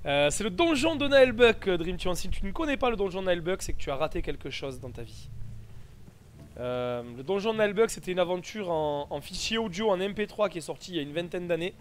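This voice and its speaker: Higher-voiced man streaming a game. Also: animated, brisk, a little hiss or hum. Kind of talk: casual live gameplay commentary, chatting with viewers. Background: game audio.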